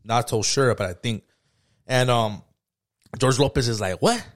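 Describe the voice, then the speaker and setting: Profane, slangy podcast host. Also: male voice, mid-range voice, unhurried. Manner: profane, slangy, animated storytelling. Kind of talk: casual chat.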